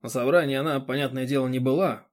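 A man's voice: mid-range voice, fairly even intonation, fast talker, close to an everyday voice. A man voicing a young man who speaks plainly and matter-of-factly.

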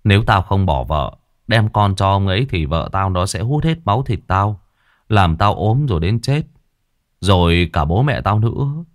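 A man's voice: low-pitched, lively intonation, moderate pace, no room sound, studio quality. A male storyteller voicing a frightened, superstitious village man who talks earnestly and insists. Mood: fearful.

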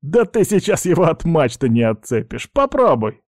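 A man's voice: medium pitch, lively intonation, moderate pace, mellow, dry recording, clean studio sound, natural voice. A man reading an audiobook, voicing a brash, commanding male pirate. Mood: cocky.

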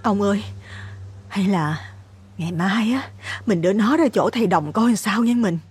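A woman as hushed, husky worried mother. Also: mid-range voice, normal speed. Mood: hushed worry. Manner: hushed, anxious. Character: worried village mother, soft-spoken.

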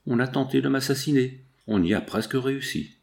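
A man's voice: medium pitch, brisk, gravelly, a little mellow, natural voice. A man reading the part of a pale, weakened young seamstress in a storybook, speaking plainly and respectfully. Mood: weary.

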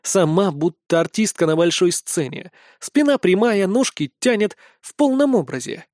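A man narrates a first-person fantasy audiobook in a high, lively voice that rises and falls expressively. He reads close to the mic, and the recording is dry, with no room sound. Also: moderate pace, no room sound.

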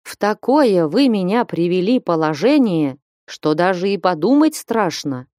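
A woman's voice: fairly low pitch, big pitch swings, a little slow, dark tone, no echo, studio quality. A woman reading an audiobook voices a timid, flustered young man who answers plaintively with sighs.

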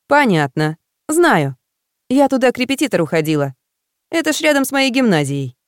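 A woman voicing a blunt young woman best friend who talks briskly and teases in a no-nonsense way, in an audiobook. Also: a little high, very animated, clear, resonant tone, no room sound, studio quality, voice pushed up.

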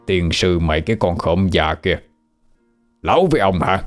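A man voicing a brutal, greedy old village chief who snarls and shouts threats, in a storytelling recording. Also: low voice, moderate pace, soft background music, natural voice. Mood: menacing.

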